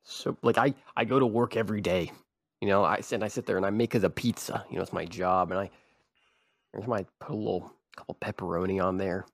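A man hosting a podcast, rambling and halting in mock-serious grief. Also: low voice, steady tone, gravelly, dry recording, studio quality. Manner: rambling, halting, feigned grief breaking into laughter. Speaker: podcast host.

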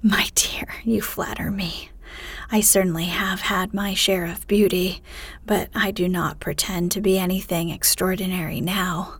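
A woman voicing a fussy, excitable middle-aged mother in a soft, breathy whisper during a bedtime storybook reading. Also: lowish voice, unhurried, dry recording.

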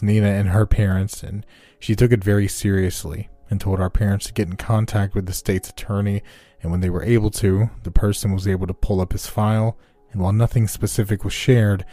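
Very deep-voiced man narrating horror stories. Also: mellow, no echo. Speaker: narrator of listener-submitted scary stories. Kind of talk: scripted first-person horror story narration. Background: background music.

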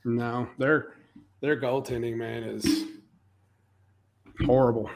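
A man's voice: mid-range voice, level tone, slow, gravelly, background noise. A man chatting casually about sports as a podcast co-host.

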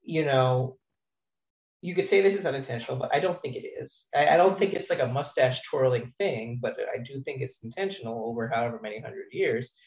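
A man with a mid-range, slightly mellow voice talks fairly quickly, rambling through a casual chat about language teaching with lots of fillers and false starts. The audio sounds roomy and dull.

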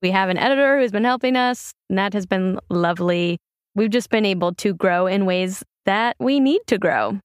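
A woman's voice: medium pitch, moderate pace, clean tone, no echo, studio quality. A woman hosting a casual podcast, upbeat and giggly, reading promos between chat. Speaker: podcast host.

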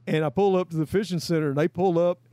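A man's voice: sits high, steady tone, quick pace, warm tone. A man, telling a long story in a folksy, rambling way as a guest. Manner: folksy, rambling, with many "I mean" and "you know". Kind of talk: casual storytelling.

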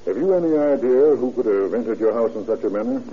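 A man's voice: medium pitch, expressive, fast talker, natural voice. An actor playing a businesslike American police chief in an old radio crime drama, authoritative and methodical in his questioning. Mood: brisk, probing. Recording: muffled, noisy old radio recording.

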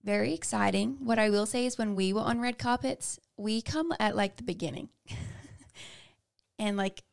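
A woman's voice: medium pitch, normal speed, creaky. A young woman co-hosting a podcast, candidly telling personal stories in casual chat. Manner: candid, personal storytelling with fillers. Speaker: podcast co-host.

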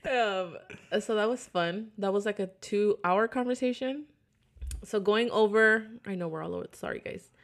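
A woman's voice: mid-range voice, normal speed. A woman hosting a podcast in casual chat, rambling and swearing freely as she tells a story. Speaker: podcast host.

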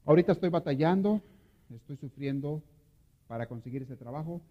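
Priest preaching in a reverberant church. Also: male voice, a little high, expressive, fairly quick. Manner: swings from hushed murmurs to loud impassioned pleading. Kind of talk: sermon. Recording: dull lo-fi audio with long hall reverb.

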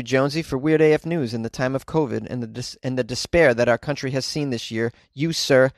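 Animated male comedy host recording inside a closet. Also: on the high side, no echo, clean studio sound. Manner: animated, caffeinated, goofy, repeats phrases for effect. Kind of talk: comedic news commentary and rambling monologue.

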